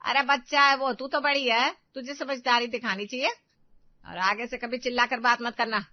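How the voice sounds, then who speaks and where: A woman's voice: fairly high pitch, fairly even intonation, normal speed, no room sound, lightly acted. A woman voicing a domineering old grandmother in a cartoon who spoils her grandson and scolds her daughter-in-law. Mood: scolding. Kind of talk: cartoon voice acting. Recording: dull dry recording.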